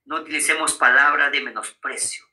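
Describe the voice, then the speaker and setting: A man's voice: on the high side, a little fast, sharp tone, low-quality recording. A man preaching a sermon on marriage, often checking in with his listeners and calling them brothers. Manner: frequent tag questions to listeners.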